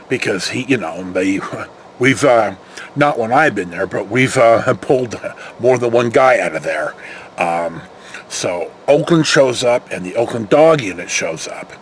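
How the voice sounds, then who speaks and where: A retired security patrolman, an older American, spins casual, meandering stories full of acted-out dialogue and salty words. His voice sits in the mid range, with a little noise in the background.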